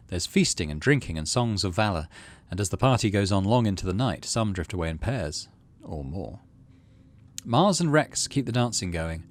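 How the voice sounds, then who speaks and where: While playing a game on video, a male host muses casually to himself in a low-key way and reads the story text aloud. There's slight background noise.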